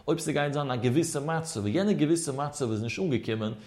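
A religious teacher gives a Talmud lesson in a sing-song study chant, posing questions and answering them himself as he works through it step by step. His voice is a little high and a little mellow, and he talks fast.

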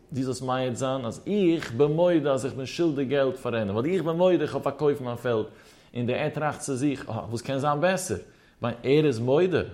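A man's voice: medium pitch, a little mellow. Man chanting through a text lesson. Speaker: Talmud teacher. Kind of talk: religious text lecture.

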